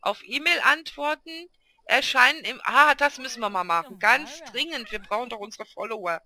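Bright, lively woman gaming. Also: high voice, normal speed. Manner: chatty, coaxing, talks to her game characters like children. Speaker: let's play gamer. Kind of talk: casual gameplay commentary.

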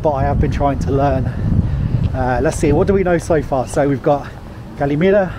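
A man from England records a casual walking vlog on busy city streets, rambling to a handheld camera at arm's length with lots of fillers. His voice sits on the high side at a normal pace. Traffic and street ambience make the outdoor audio noisy.

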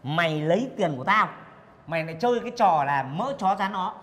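A man's voice: sits high, animated, a little fast, a bit bright. A man playing a grumbling middle-aged motorbike-taxi driver who wails complaints and curses. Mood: angry.

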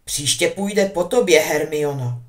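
A woman voicing a nervous teenage boy wizard who speaks quietly and anxiously. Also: low voice, expressive. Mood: worried.

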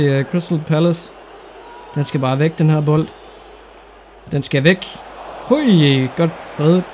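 A young Danish man commenting on his own football game playthrough, excitable and casual, shouting at big moments. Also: on the high side, slight background noise. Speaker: gaming YouTuber. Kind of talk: excited let's-play commentary.

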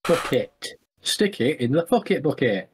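A man on voice chat, tossing in quick wisecracks and jokes during a gaming session. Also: medium pitch, big pitch swings, slight background noise. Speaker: friend on voice chat. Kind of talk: joking gaming banter.

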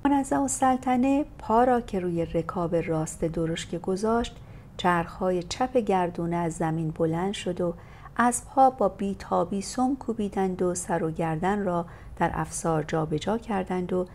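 A woman reading a novel aloud as an audiobook narrator, steady and expressive. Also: on the low side, vocal fry, slight background noise.

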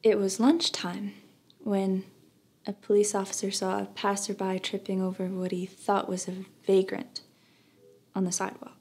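A young woman acting a dramatic monologue as a grieving daughter, with a sorrowful, measured delivery and hushed phrase endings. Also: medium pitch, monotone, breathy edge. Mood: quiet sorrow. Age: young adult. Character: grieving daughter recalling her dead father, wistful and sorrowful. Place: plain studio, indoors.

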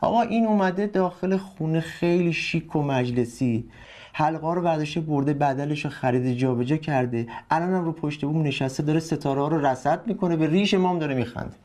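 A man's voice: a little high, a little mellow, close to an everyday voice. A man playing a sarcastic, bitter young husband. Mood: indignant. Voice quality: sarcastic, argumentative. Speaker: son-in-law living with in-laws. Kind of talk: TV drama acting.

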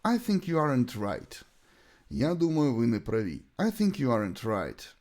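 Teaching English in a bilingual lesson, a man speaks with a Ukrainian accent carried over from his native tongue. His average male pitch moves in big, very animated swings over a darkish tone, and he sets out short sentences carefully for learners to repeat.

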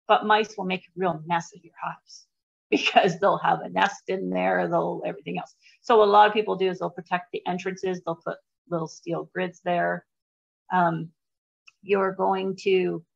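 An older Canadian woman, a beekeeper, gives a casual, informal presentation over slides in a gravelly, lowish voice. She's chatty and anecdotal, full of fillers and asides, and the audio comes dull through a video call webcam.

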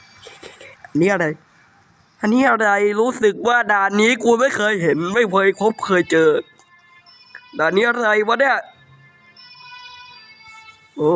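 Young male gamer, very high and bright, nasal with a cold, loud foul-mouthed horror-game commentary with music behind. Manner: loud, swearing constantly, yelling at ghosts. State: runny nose, has a cold. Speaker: gaming YouTuber playing a horror game. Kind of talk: profane live gameplay commentary.

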